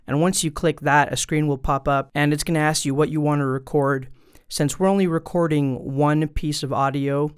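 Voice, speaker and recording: Speaking informally and directly to viewers, a man walks through a casual step-by-step tutorial from a desk indoors. His voice is fairly high, clear and resonant, captured on a studio microphone through an audio interface.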